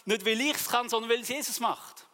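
A man with a Swiss German accent preaching a sermon, telling personal stories and acting out the dialogue in a lively way. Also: very high voice, a little fast, long reverb tail.

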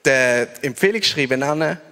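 A man with a Swiss German accent who preaches by retelling a story in a chatty, animated way. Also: mid-range voice, unhurried, clear, resonant tone, in a large hall. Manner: animated, chatty, laughs at his own story. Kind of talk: storytelling sermon.

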